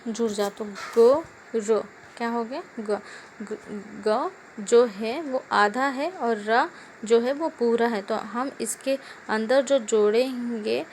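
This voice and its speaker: A woman's voice: on the high side, takes it slowly, a little mellow, a little hiss or hum. A woman teacher giving a grammar lesson to schoolchildren. She repeats words and keeps asking the class questions.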